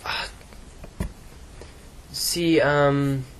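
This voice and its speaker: A teenage boy from England, an English speaker practising German, answering slowly with many fillers and pauses. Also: fairly high pitch, little pitch movement, smooth. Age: teens. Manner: halting, slow, many fillers. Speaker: student.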